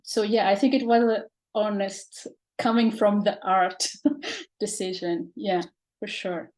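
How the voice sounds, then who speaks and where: A woman's voice: mid-range voice, lively intonation, slow pace, darkish tone. Hesitant Portuguese woman guest. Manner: hesitant, many fillers and restarts, laughs often. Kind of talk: interview conversation.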